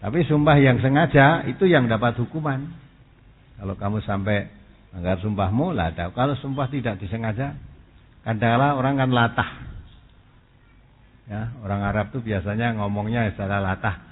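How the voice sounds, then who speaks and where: A man's voice: mid-range voice, moderate pace, long pauses, slightly rough. A man giving an Islamic sermon, explaining patiently and slipping into asides. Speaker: preacher. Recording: thin phone-like sound in a long-echo hall.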